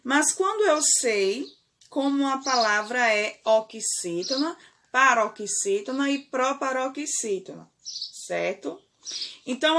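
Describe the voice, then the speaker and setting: Slow, high-voiced Brazilian woman teacher. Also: a bit bright, a little hiss or hum. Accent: Brazilian Portuguese. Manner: slow, deliberate, stretches key words, frequent "certo?" and "ok?". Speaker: primary school teacher. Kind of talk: remote classroom lesson.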